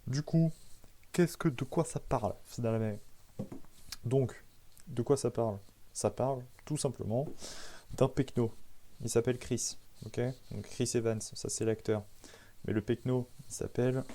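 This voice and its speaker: A man's voice: mid-range voice, warm tone. A man doing a casual, comic movie recap as a film reviewer, slangy and irreverent, who keeps asking himself rhetorical questions.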